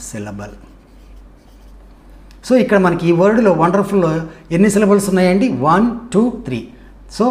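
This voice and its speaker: A middle-aged man with a Telugu accent, teaching English grammar in a classroom style. His voice sits a little high and swings a lot in pitch, rising on questions and dropping low as he answers himself. He breaks words into syllables and says each one slowly and clearly. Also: darkish tone.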